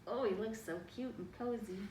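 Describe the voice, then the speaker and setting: Reading a children's picture book aloud, a woman uses dramatic emphasis and small asides aimed at young listeners. Her medium-pitched voice is a little mellow and moves at normal speed. The audio is roomy and distant, with faint noise.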